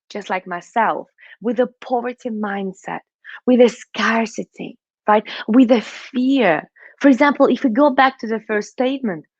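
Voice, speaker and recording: A money mindset coach with a Russian accent gives a motivational talk, putting questions to the listener and checking in with "right?" and "okay?". Her voice is medium-pitched, with no room sound and a lo-fi quality.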